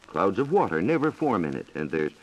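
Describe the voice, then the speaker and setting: With a low voice, big pitch swings and a brisk pace, a man reads scripted science explanations for listeners on a 1940s radio show. As the program's science reporter, he sounds formal, precise and authoritative on this vintage broadcast recording.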